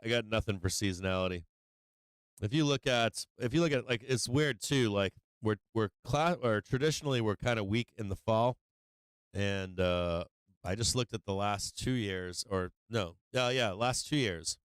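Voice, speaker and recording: A man giving casual live trading commentary as a show host, blunt and profane, often halting and repeating himself. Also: lowish voice, clear, resonant tone, no room sound.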